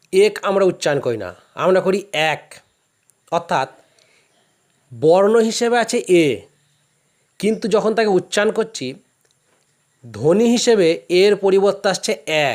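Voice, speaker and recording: A man's voice: high voice, animated, normal speed, long pauses, a little mellow. A male teacher with a Bangladeshi Bengali accent giving a classroom lecture, explaining patiently step by step with examples.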